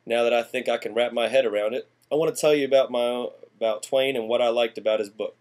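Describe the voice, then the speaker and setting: A man's voice: medium pitch, fairly even intonation, quick pace, darkish tone, lightly acted. A man playing a folksy, rambling small-town man from the 1890s, talking through an acted class monologue. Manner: folksy and rambling, drawling country slang. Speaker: student presenter in character.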